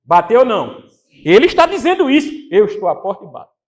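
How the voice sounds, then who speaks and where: Man, pastor, high voice, very lively intonation, sermon. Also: quick pace. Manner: animated preaching with acted quotes and direct questions to the congregation.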